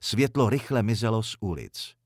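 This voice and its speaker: A man narrating a story in a calm, measured audiobook reading. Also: fairly low pitch, no echo, clean studio sound.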